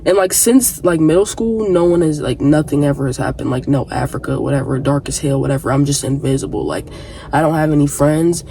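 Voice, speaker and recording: A woman's voice: deep voice, fairly quick, creaky, warm tone, slight background noise. A young woman vlogging a personal story in a rambling, blunt way, full of fillers and profanity. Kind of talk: casual storytelling to camera.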